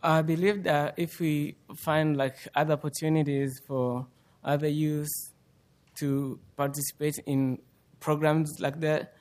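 A teenage high school student from Congo gives testimony in a public speech, speaking hesitantly with a Congolese accent. His voice is fairly high and a little mellow, with flat, unhurried delivery.

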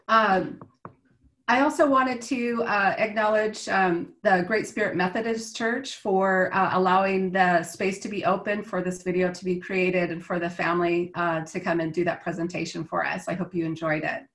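A woman's voice: lowish voice, fairly even intonation, moderate pace, fairly bright tone. Woman hosting in an echoey room. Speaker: event host. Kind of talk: formal introductions. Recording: roomy echo.

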